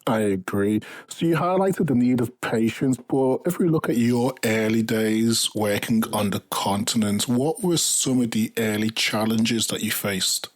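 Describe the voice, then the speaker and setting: A woman hosts a podcast interview with an extremely deep, low voice. She keeps her questions brief and encouraging. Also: measured pace, few pauses. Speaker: podcast host.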